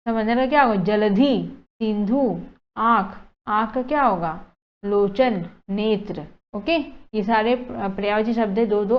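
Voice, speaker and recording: Woman teacher, chatty, lo-fi. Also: a little high. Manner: chatty, mixes in English words, frequent "theek hai" checks. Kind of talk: casual classroom explanation. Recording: dull lo-fi sound.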